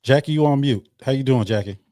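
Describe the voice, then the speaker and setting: A man's voice: mid-range voice, quick pace, mellow, dry recording, clean studio sound. A man hosting a casual livestream chat, loose and talkative, often repeating his words. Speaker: host.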